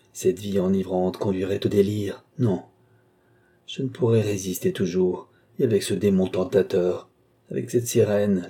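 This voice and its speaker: A man's voice: fairly low pitch, dark tone, breathy edge. A man reading an audiobook, voicing a tormented male sorcerer torn between love and ambition, declaiming in passionate murmurs and outbursts.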